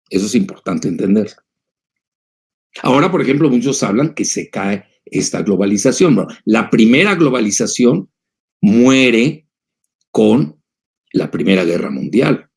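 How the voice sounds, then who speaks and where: A man's voice: medium pitch, a little mellow, slightly rough. A man, an older analyst, answering audience questions in a digressive, emphatic lecture style with many filler sounds.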